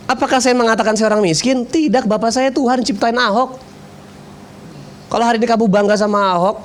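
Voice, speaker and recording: High-voiced joking male pastor. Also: slight background noise. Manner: lively, joking, self-mocking. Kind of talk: storytelling sermon.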